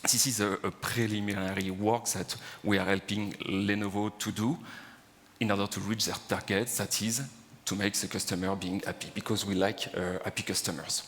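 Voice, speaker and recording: A man with a French accent giving a conference presentation, halting with frequent fillers. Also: lowish voice, level tone, fairly bright tone. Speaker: conference speaker, CPU engineer. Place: large conference hall. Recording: reverberant conference hall.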